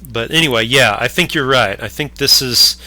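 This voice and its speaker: A man's voice: medium pitch, normal speed, sharp tone, no echo. A man hosting a casual video-call conversation, thinking aloud in long winding sentences. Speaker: channel host. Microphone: webcam on a mic arm at home.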